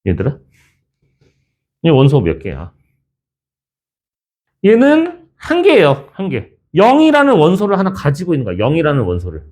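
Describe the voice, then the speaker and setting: A man's voice: fairly high pitch, huge pitch swings, a little fast, a little mellow. A male math teacher in his thirties, lecturing a class in a chatty, teasing way. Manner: chatty, teasing, switches between formal and casual speech.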